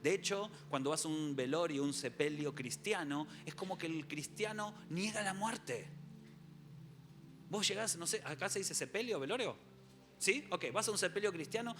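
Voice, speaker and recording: A man preaching a humorous youth sermon in a church hall, acting out scenes and quizzing the audience. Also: a little high. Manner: animated, jokey, acts out scenes, quizzes the audience.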